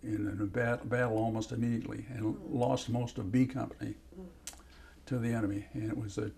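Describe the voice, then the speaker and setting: An elderly man, a war veteran, recalling in a halting oral history interview, often pausing to search for names and places. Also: mid-range voice, flat delivery, creaky, warm tone. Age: older. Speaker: World War Two veteran.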